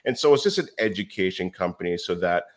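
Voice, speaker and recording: Low-voiced animated male storyteller. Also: quick pace. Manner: animated storyteller, acts out quoted dialogue. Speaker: real estate education company founder. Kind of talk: podcast interview guest.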